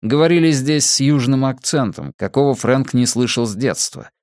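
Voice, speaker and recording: A man reading an audiobook with measured, expressive narration. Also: medium pitch, dry recording, clean studio sound.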